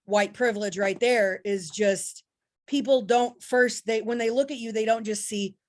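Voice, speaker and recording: On a workshop video call, a woman shares casually, speaking hesitantly as she searches for her words. Her voice sits on the high side, with a steady tone at normal speed.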